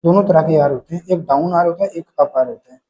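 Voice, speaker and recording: A man teaching a shorthand lesson step by step, calling out paired sounds in a steady drill rhythm. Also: a little high, fast talker, breathy edge, highs cut off.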